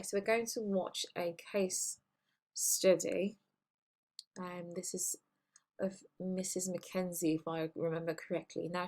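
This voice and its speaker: A woman gives a recorded lesson in a fairly low voice with a gravelly creak. Her intonation stays flat and even. She explains step by step and encourages her students. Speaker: teacher.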